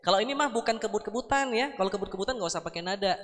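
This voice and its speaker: A man's voice: sits high, expressive, very fast, fairly bright tone. A young man preaching at a mosque study session on a handheld mic, chatty and joking, breaking into melodic chanting. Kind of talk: mosque study sermon with sung dhikr. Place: mosque hall. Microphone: handheld microphone. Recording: roomy echoing mosque hall.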